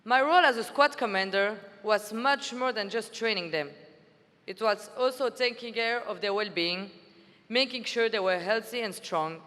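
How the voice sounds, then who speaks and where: In a large conference hall, a Belgian army officer in her twenties reads an earnest, formal prepared speech. Her voice sits on the high side, a little bright, at a normal pace. The venue PA adds hall reverb.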